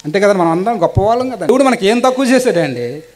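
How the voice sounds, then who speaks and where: A man preaching a sermon, politely asking his listeners question after question and swinging between raised and hushed delivery. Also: high-pitched, animated, quick pace, a crowd in the background. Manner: polite, asks the listeners many rhetorical questions.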